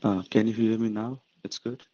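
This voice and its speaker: A man hosting a webinar on a video call, speaking haltingly with many fillers while he checks whether people can hear him. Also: lowish voice, steady tone, mellow, highs cut off, slight background noise. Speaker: webinar host. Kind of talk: casual webinar setup chat. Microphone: computer mic on video call.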